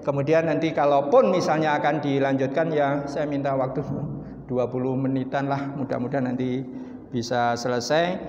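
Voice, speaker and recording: A man with a Javanese accent preaching at an evening study gathering, animated, acting out speakers, swinging from low murmurs to loud exclamations. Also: moderate pace. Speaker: Islamic preacher. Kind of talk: mosque study sermon. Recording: dull, roomy hall recording with faint noise.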